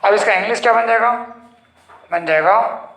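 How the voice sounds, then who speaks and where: A male English teacher giving a slow, explanatory grammar lesson in Hindi, posing rhetorical questions and answering them himself. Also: sits high, fairly bright tone. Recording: echoey room.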